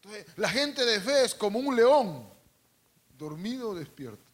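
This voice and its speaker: High-pitched guy preaching at church, pulls the crowd in, goes loud then quiet, cracks little jokes. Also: sing-song, unhurried. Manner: calls out to the congregation and asks for responses; dramatic swings between loud and hushed. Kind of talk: sermon. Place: church service.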